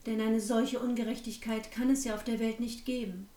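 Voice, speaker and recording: A woman's voice: a little high, steady tone, normal speed, mellow, roomy sound, far from the mic, close to an everyday voice. A woman voicing a poor, meek young girl in a read-aloud fairy tale, pleading with a trembling voice.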